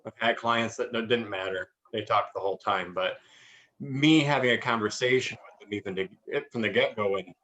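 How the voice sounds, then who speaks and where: A man's voice: lowish voice, moderate pace, a bit bright, slight background noise, low-quality recording. A man, a massage therapist, sharing thoughts in a class discussion over a video call, speaking in long, winding phrases.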